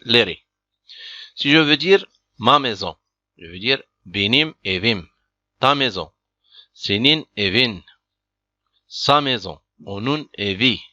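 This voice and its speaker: A man's voice: lowish voice, sharp tone, no echo. A man teaching a beginner language lesson, patiently working through example after example. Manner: patient, methodical, repeats examples. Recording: dull lo-fi dry recording.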